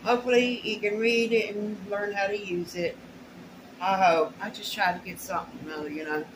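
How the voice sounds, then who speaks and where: A middle-aged woman with a medium-pitched, steady voice talks at a normal speed while unboxing her purchases in a small room at home. She's a haul vlogger with a casual, folksy, colloquial way of chatting. The home camera recording is noisy.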